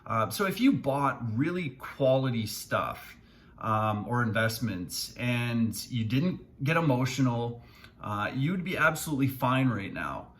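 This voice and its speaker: A man who works as a financial advisor, talking casually to camera with frequent ums and plain, steady explanations. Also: medium pitch, a little slow. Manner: relaxed, many fillers, plainspoken. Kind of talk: casual video commentary.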